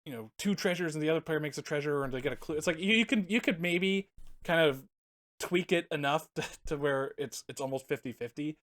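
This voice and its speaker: A man's voice: a little high, a little fast, a bit bright. A man co-hosting a casual podcast, rambling through his points, often searching for words and laughing. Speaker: podcast co-host. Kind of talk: casual chat about card games.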